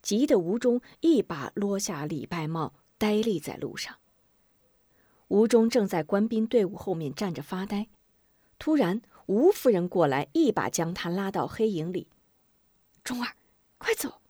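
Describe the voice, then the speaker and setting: A woman's voice: medium pitch, lively intonation, normal speed, warm tone, dry recording, clean studio sound. A woman narrating a storybook tale expressively, acting out each character.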